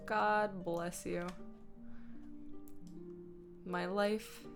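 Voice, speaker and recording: Drawing out her words in a steady, mid-range voice, a streamer and host chats casually while editing on her livestream. She's silly and playful, makes self-mocking asides, and mutters and hums to herself, with guitar music in the background.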